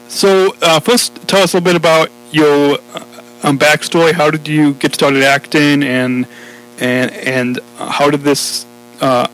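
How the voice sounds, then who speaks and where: A man's voice: mid-range voice, a little hiss or hum, poor audio. A man hosting a podcast interview, speaking hesitantly with many fillers and restarts. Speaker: podcast host.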